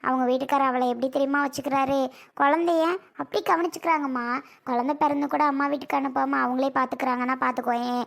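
A woman's voice: high-pitched, fairly even intonation, fast, vocal fry. A woman voicing an older cartoon mother who lectures, pleads and laments in a scolding way. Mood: lecturing. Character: older mother, lecturing and grieving over her son. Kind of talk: cartoon voice acting.

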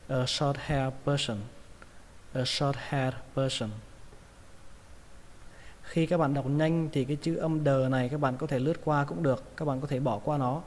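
Slow, patient Vietnamese-accented man teaching. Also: medium pitch, steady tone, a little mellow. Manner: slow, patient, repeats each word. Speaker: English teacher. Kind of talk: pronunciation lesson. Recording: long reverb, faint ambient noise.

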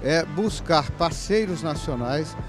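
A man in his sixties speaking earnestly and deliberately in an interview. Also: on the high side, lively intonation, music in the background. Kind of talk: interview soundbite.

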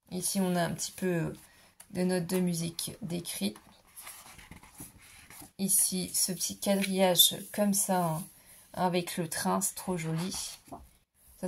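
Against slight background noise, a woman with a low, creaky voice shows off a scrapbooking haul in a gushing, casual way. "Trop mignon" is her refrain, and her worn-out voice has her clearing her throat.

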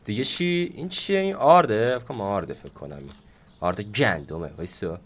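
A hoarse man giving casual gameplay commentary as a gaming YouTuber host, playful and chatty with his viewers. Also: on the low side, expressive. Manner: playful, chatty, talks to viewers while playing.

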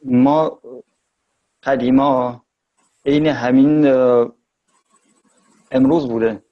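A man from Tajikistan with a Tajik Persian accent, giving a thoughtful interview and slowing down to stress his points. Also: mid-range voice, highs cut off.

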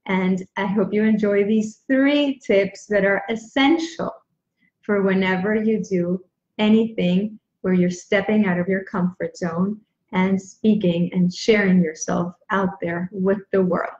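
A woman's voice: mid-range voice, steady tone, a little slow, a little mellow. An upbeat, emphatic woman in her forties, a speaking coach giving motivational tips straight to camera, stressing her key words. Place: small indoor room at home. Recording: roomy echo, dull lo-fi sound.

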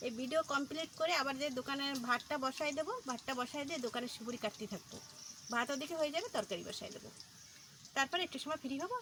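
A high-voiced home cook vlogger chats casually while cooking in her home kitchen, narrating very fast and rushing through her words. Loud frying and sizzling noise runs under her voice the whole time.

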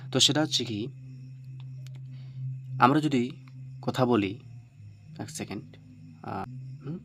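A man giving an informal spoken lesson on Arabic pronunciation. He asks questions and answers them himself, and slowly repeats each sound for the listener. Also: mid-range voice, slight background noise.

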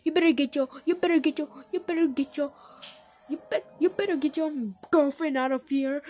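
A brash, loud-mouthed toy duck, put on by a woman, fires off shouted insults in a high voice. The words tumble out and trip over their own repeats. It plays like a homemade cartoon roast. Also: a little fast, natural voice. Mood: loud, mocking. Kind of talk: improvised toy role-play roast.

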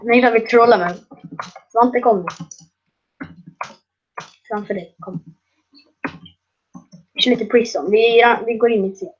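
A woman doing casual gaming commentary, excitable and prone to loud shrieking laughter. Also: fairly high pitch, long pauses, dull audio. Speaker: gaming video creator.

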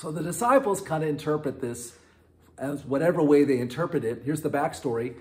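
Male pastor, casual teaching, voice leaps high with lively swings. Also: brisk. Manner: animated, rises high and loud when acting out quotes, laughs often. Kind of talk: casual online Bible teaching.

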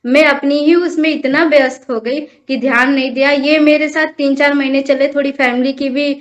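A young woman with a high voice tells a long personal story in a conversational interview. She speaks earnestly, in a plain storytelling way. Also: fairly even intonation, moderate pace, highs cut off. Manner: earnest, storytelling, addresses host as bhaiya. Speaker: guest devotee telling her experience.

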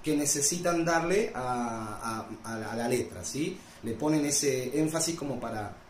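A man's voice: medium pitch, expressive, unhurried, roomy sound, slight background noise. A man with an Argentine accent teaching a folk guitar piece in a casual tutorial, patiently checking in with the viewer after each step. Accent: Argentine Spanish.

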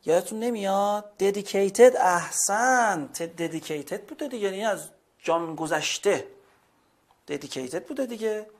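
Male teacher with a high-pitched voice, drills vocabulary, slow on English words. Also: animated. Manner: reads English slowly, explains in Persian. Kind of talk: classroom vocabulary lesson.

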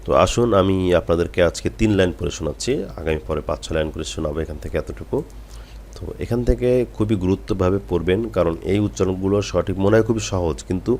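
A deep-voiced man teaches a reading lesson. He is patient and repetitive, sounding out each syllable slowly and going over it again. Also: a little mellow. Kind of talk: step-by-step recitation lesson.

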